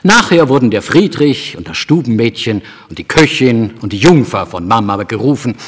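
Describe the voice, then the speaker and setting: A man reads a children's story aloud with a lively, sing-song rise and fall. His voice sits at an ordinary pitch. Behind it hangs a long hall reverb. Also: normal speed, husky. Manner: expressive, animated reading. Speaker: narrator. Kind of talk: scripted storybook narration.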